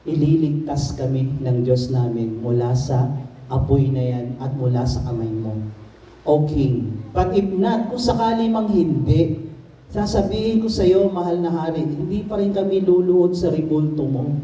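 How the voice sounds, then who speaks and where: A man's voice: a little high, normal speed. A man with a Filipino accent preaching a sermon, switching between Tagalog and English, reading scripture and acting out its scenes. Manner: switches between Tagalog and English, reads Bible verses then explains them; acts out scenes, shouting some lines and dropping to a whisper on others. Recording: echoey room, far from the mic.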